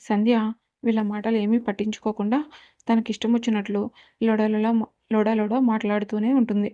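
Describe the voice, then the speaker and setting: A woman narrating a serialized story in a calm, steady reading. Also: medium pitch, fairly quick, highs cut off.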